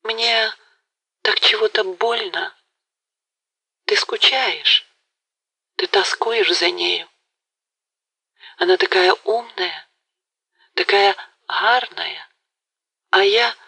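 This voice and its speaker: A woman's voice: medium pitch, slow pace, long pauses, sharp tone, slightly rough, voice pushed up, exaggerated voice, low-quality recording. A woman voicing a tearful, jealous young woman who pleads in a faltering, breathless voice in an audiobook. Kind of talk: audiobook character reading.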